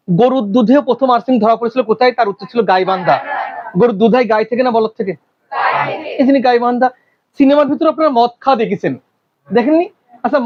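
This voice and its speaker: A male teacher giving a classroom lecture, constantly quizzing his students with quick questions. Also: very high-pitched, lo-fi sound, a little hiss or hum.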